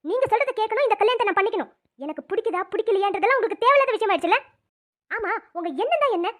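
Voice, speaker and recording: A woman's voice: extremely high pitch, animated, rapid-fire. A woman voicing a stubborn young woman in a cartoon, firm and pleading by turns. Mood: defiant. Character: defiant young woman, stubborn about marriage. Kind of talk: cartoon voice acting.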